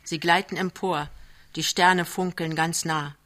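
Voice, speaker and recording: A woman reading a novel aloud at a live soirée, slow, hushed and measured. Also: on the low side, steady tone. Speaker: audiobook reader. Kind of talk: literary reading.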